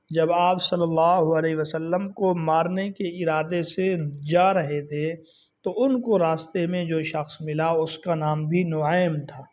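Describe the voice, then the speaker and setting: A man teaching word pronunciation, slowing down to spell out words and their vowel marks. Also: fairly high pitch, darkish tone, highs cut off. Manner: slow, deliberate spelling out of words. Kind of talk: pronunciation lesson.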